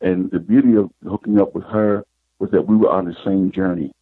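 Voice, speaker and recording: A middle-aged man with a husky, fairly low voice recounts his life as a psychic guest, unhurried and reflective. The sound is thin and tinny, like a phone line, and quite dry. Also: fairly even intonation, no room sound. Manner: unhurried, reflective, retells scenes with quoted dialogue. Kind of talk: personal storytelling in an interview.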